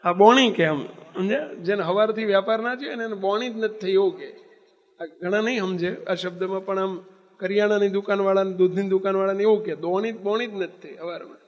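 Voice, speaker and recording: A man's voice: sits high, steady tone, fairly quick. A man preaching, telling a story in an emphatic sermon manner and throwing rhetorical questions at his listeners. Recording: long hall reverb.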